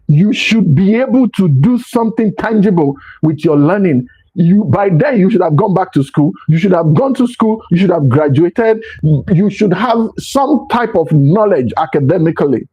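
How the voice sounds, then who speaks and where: A man's voice: high voice, slightly rough. A middle-aged man giving an earnest, preachy motivational talk, often repeating and restarting his phrases. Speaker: motivational speaker. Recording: dull lo-fi recording.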